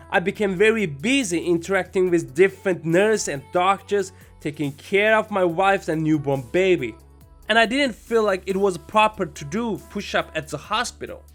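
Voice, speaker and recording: A man's voice: sits high, fairly bright tone. A young man with a non-native English accent, speaking earnestly and encouragingly to viewers as a fitness vlogger. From Uyghur region. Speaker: vlogger recapping a fitness challenge. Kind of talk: vlog monologue to viewers. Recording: music behind the voice.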